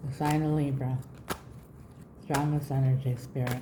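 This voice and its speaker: A woman's voice: extremely low pitch, level tone, normal speed, very noisy. A woman with a lisp, speaking as a tarot reader giving a reading to her viewers. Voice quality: lisping after mouth surgery. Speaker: tarot reader, channel host.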